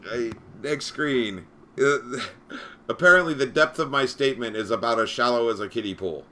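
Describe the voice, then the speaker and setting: A man's voice: medium pitch, moderate pace, pushed and bright, a little hiss or hum. A man who moderates a Discord, ranting on a livestream in an exasperated, profane way. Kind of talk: livestream rant.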